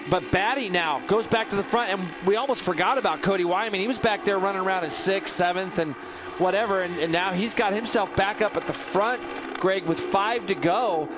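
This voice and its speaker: High male motorsport commentator over music. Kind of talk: live race analysis and commentary.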